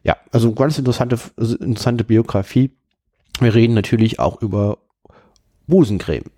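A man co-hosting a history podcast, calmly summarizing the episode and introducing the clips. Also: mid-range voice, fairly quick, no room sound, clean studio sound. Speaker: podcast co-host.

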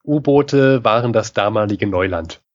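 A man co-hosting a podcast, reacting with excitable mock outrage during the banter. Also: lowish voice, a little slow, highs cut off. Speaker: podcast co-host.

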